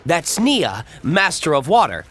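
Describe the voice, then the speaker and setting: An audiobook narrator voicing a brisk, pushy woman TV reporter hungry for a scoop. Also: low-pitched, very animated, fairly bright tone, slight background noise, full character voice. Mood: eager brisk. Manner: brisk, announcer-like. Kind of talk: audiobook character voice.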